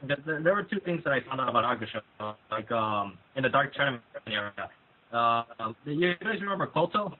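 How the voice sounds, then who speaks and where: A man's voice: mid-range voice, expressive, brisk, narrow, tinny audio. A man chatting casually, rambling along with fillers and restarts. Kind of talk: casual chat about anime dubs.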